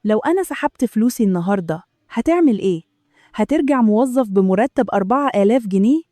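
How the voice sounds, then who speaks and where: A woman's voice: a little high, lively intonation, fast talker, mellow, no room sound, studio quality, close to an everyday voice. Woman reading as a scheming Egyptian businessman. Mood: pressuring. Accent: Egyptian Arabic. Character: smooth-talking middle-aged male business partner, scheming.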